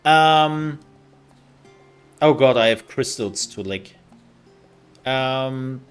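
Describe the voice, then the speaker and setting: A man's voice: mid-range voice, drawn-out words, smooth, faint music behind. A man giving casual live gaming commentary, rambling and thinking aloud as he plays. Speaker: livestreamer.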